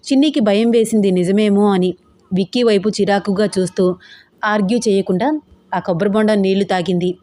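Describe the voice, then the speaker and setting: A woman reading out a romantic family audio story as storyteller, in a steady, expressive way. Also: medium pitch, a little fast, dry recording.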